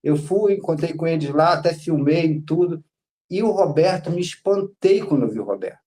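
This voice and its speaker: A man's voice: fairly high pitch, animated, moderate pace, mellow. Rambling Brazilian man telling his story. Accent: Brazilian Portuguese. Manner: rambling, repeats filler words. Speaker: podcast guest, patient. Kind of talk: casual storytelling interview.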